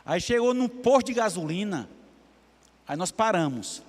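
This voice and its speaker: A man's voice: high voice, moderate pace. A man, a pastor preaching a sermon and telling a story, acting out the dialogue. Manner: animated, acts out dialogue in his stories. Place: church sanctuary. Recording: long church-hall reverb.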